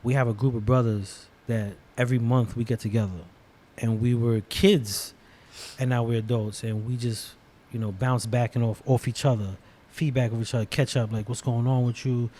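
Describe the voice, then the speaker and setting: A man co-hosting a casual podcast, telling stories in relaxed slang with lots of fillers. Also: medium pitch, normal speed. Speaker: podcast co-host.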